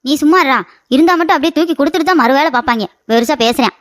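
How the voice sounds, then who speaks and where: A woman voicing a bickering older mother-in-law in a cartoon comedy, scolding with quick sarcasm. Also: sits high, dry recording, clean studio sound, natural voice.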